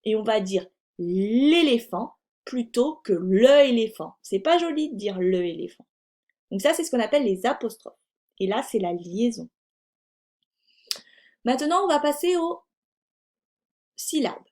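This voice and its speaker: A woman's voice: fairly high pitch, very animated, normal speed, long pauses, a little mellow. A woman teaching young children in a French accent, patiently spelling out sounds and words one at a time. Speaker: primary school teacher. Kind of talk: slow, clear lesson for young children.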